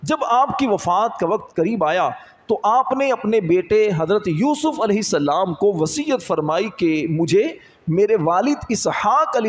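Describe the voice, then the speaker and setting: A man giving an Islamic religious lecture, slowly reciting Arabic verses and then explaining them. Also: high voice. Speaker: Islamic preacher. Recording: long hall reverb.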